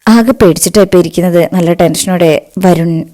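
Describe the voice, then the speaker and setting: Mellow-voiced woman recapping a serial. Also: lowish voice, moderate pace. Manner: plain, matter-of-fact retelling. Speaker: narrator retelling a TV serial. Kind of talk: casual story recap.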